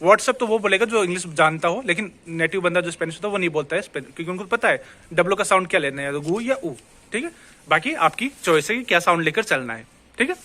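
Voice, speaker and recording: A man's voice: high-pitched, lively intonation, fast talker, pushed and bright. A man with an Indian accent teaching a casual language lesson, chatty, repeating words and checking in with the viewer. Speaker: Spanish teacher.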